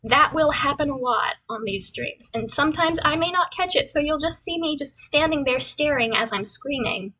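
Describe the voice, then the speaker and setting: The young woman behind a cute anime-style VTuber introduces herself on stream, chatting casually over a slideshow with rambling, self-deprecating repetition. Her high, sharp voice moves at a moderate pace with hardly any pauses, and the recording is rough.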